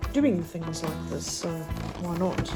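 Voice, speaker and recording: A woman's voice: lowish voice, lively intonation, takes it slowly, over loud music. A woman chatting casually in a craft vlog, hesitant and full of fillers. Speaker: craft vlogger. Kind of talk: casual unboxing chat.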